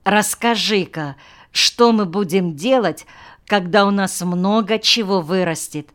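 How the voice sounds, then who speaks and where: A woman's voice: mid-range voice, a little slow, fairly bright tone, lightly acted. A woman voicing a patient male schoolteacher who mildly chides and coaxes his pupils with questions, in an audiobook. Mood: coaxing. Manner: mildly chiding, coaxing questions. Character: patient male village schoolteacher, gently reproachful. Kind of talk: audiobook character voice.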